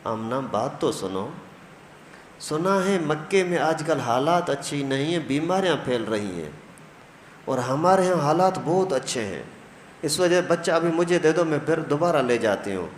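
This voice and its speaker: A man voicing a gentle pleading foster mother. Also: on the high side, expressive, close to an everyday voice. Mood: coaxing. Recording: echoey mosque hall, faint noise.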